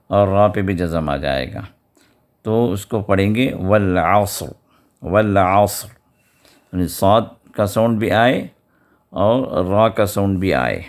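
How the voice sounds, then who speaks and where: A man teaching Quran recitation rules, explaining each point and then reciting words slowly and repeating them. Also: low voice, a little mellow. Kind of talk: tajweed lesson with slow recitation.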